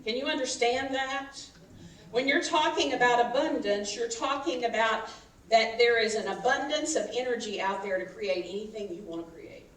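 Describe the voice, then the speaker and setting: Woman minister in her fifties, lively sermon, call-and-response, fairly high voice, echoey hall, heard from a distance. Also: normal speed. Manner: animated, leads call-and-response with the congregation. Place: church sanctuary. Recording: echoey hall, mic from far off, faint noise.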